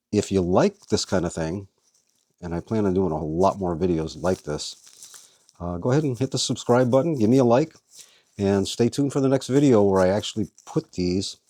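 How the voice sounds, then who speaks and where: A man's voice: on the low side, warm tone, no room sound. A man hosting a casual how-to video, chatting as he works and talking to his worms. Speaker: vlog host and worm farmer.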